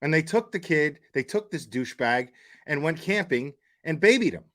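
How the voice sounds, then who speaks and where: A man hosts a casual true-crime livestream in a fairly bright, expressive voice on the high side, at a moderate pace. He's blunt, emphatic and opinionated, swears freely, and keeps repeating words and phrases as he works out his point.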